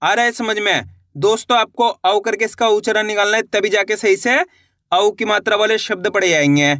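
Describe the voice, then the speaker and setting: A man teaches beginners to read, his voice high and bright. He asks a question, then answers it himself, and drags out each syllable as he sounds it. The recording is dry and close, with no room sound. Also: dry recording. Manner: patient, repeats questions and answers them himself; slows and stretches syllables when sounding out words. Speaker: Hindi teacher. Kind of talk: step-by-step reading lesson.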